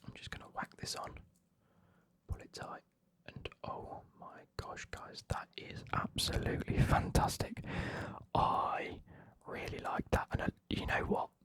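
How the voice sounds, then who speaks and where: A man whispering an ASMR unboxing as host, in a chatty, enthusiastic, informal manner. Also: a little slow.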